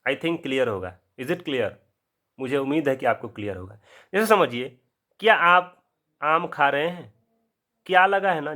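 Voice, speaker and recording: A man's voice: on the high side, sharp tone. Man teaching English in Bihari-accented Hindi. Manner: repeats questions to the viewer and answers them himself; drawn-out, spelled-out explanations. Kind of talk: casual classroom lesson.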